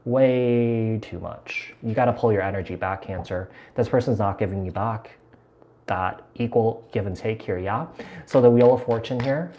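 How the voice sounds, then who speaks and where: A man's voice: lowish voice, normal speed, lo-fi sound, a little hiss or hum. A man from the United States giving a live tarot reading, talking in a chatty, meandering way with lots of fillers and repeated words. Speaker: tarot reader.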